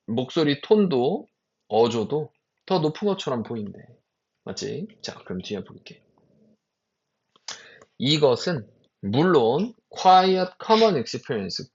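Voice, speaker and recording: Animated male English teacher, lo-fi. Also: mid-range voice. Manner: animated, rhetorical questions to students; reads English slowly and stressed, Korean quickly. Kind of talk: exam-prep lecture. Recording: dull lo-fi recording.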